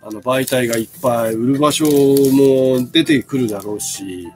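A man's voice: medium pitch, normal speed, faint music behind. A man in his fifties selling bags on a casual live stream, chatting and answering viewer comments as he shows each item. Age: 50s.

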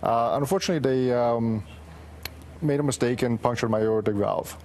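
A man in his forties from Romania, a guest on a morning TV show, speaking earnestly with frequent pauses. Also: mid-range voice, a little hiss or hum. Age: 40s. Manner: steady, earnest, many pauses with um. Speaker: guest, former patient. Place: TV studio set.

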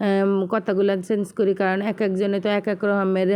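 Fast-chatting woman with a Barishal accent. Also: mid-range voice, flat delivery, darkish tone, clean tone. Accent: Barishal Bengali. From Bangladesh. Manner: chatty, addresses viewers directly. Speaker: vlogger. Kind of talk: casual home vlog chat.

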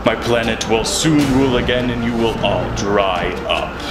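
A man playing a gloating alien tyrant in a superhero cartoon, with a slow, theatrical, menacing delivery. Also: mid-range voice, natural voice. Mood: gloating menace. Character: male alien villain tyrant, gloating and grandiose. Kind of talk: scripted animated superhero villain acting. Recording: echoing voice under loud music.

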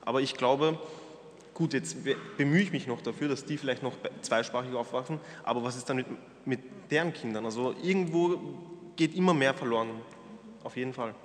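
A young Austrian man, a guest on a panel discussion, speaks frankly and earnestly into a table microphone, with a few hesitant fillers. His voice is mid-range and brisk. The wood-panelled indoor hall gives a reverberant sound with faint noise.

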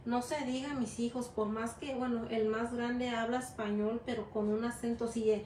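Her pitch fairly high and her intonation fairly even, this woman demonstrates gelatin art at an indoor work table at a moderate pace, her tone a little mellow. She's a middle-aged Mexican-American from the United States, rambling chattily in Spanish sprinkled with English words and fillers. There's slight background noise in the echoey, faintly ambient room.

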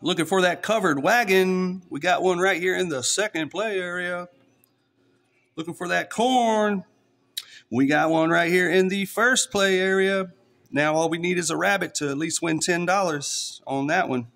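Scratching lottery tickets on camera, a man with an East Texas accent narrates a relaxed play-by-play vlog, chatting directly to his followers. He speaks at a normal speed in a high-pitched voice with a fairly bright tone.

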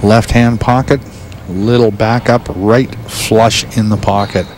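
Low-voiced male bowling analyst. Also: steady tone. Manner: analytical, brisk technical calls. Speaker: color commentator. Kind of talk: sports commentary. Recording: TV broadcast with background noise.

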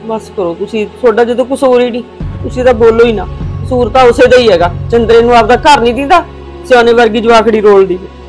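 An actress playing an older mother who scolds her daughter's in-laws in a village family drama, sharp and indignant. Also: fairly high pitch, fast talker, faint music behind, lightly acted.

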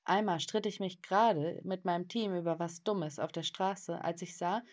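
A woman's voice: lowish voice, fairly even intonation, normal speed, a little mellow. Woman narrating a story in first person.

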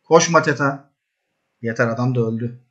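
A man playing a football management game, talking to his players as their coach, calming and scolding them and shouting when an attack builds. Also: normal speed. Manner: bursts into high shouts at attacks. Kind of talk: live commentary while gaming.

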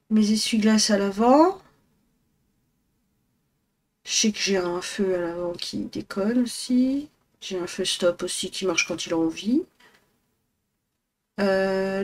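A young woman with a northern French accent chats casually at home for her vlog. She speaks slowly and hesitantly, full of fillers, at a middling pitch. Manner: rambling, hesitant, many fillers. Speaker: vlogger. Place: apartment at home.

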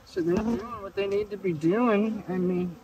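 A high-pitched male beekeeper narrates a hive inspection vlog in an open field, speaking in a relaxed, halting way with many fillers and restarts. The camera mic on him gives poor audio, catching loud buzzing bees, wind, and a crowd in the background.

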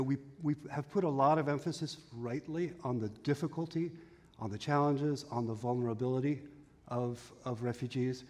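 A man in his fifties moderating a panel on a conference stage, speaking in a measured way with frequent fillers and restarts, on a headset mic. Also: mid-range voice, darkish tone. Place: large conference hall stage. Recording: long hall reverb.

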